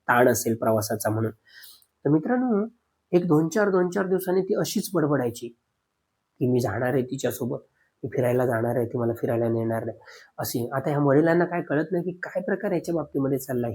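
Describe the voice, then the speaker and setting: A man narrating a spoken horror story, addressing listeners as friends, with dramatic pauses. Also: medium pitch, a little mellow, husky.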